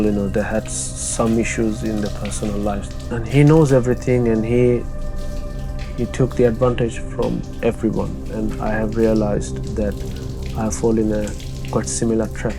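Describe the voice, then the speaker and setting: A young man, telling his own story in a halting, soft-spoken way with many pauses and restarts. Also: lowish voice. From Bangladesh. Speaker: interviewee. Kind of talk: personal testimony.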